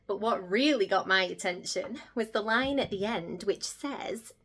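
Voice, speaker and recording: A chatty vlogger gossips in a comedic monologue, played by a woman. She gushes and gasps with delight, her voice sitting at an everyday middle pitch. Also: a little slow, fairly bright tone, breathy edge. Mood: gossipy. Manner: gushing, gossipy, breathless gasps and squeals.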